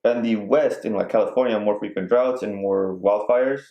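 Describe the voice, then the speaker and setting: Low-voiced rambling man in an echoey room. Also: normal speed, muffled recording. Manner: rambling, filler-heavy, joking. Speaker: podcast co-host. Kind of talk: casual chat.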